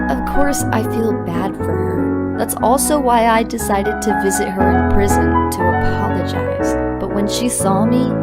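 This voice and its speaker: A young woman narrating a scripted storytime confession in a brisk, dramatic way. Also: medium pitch.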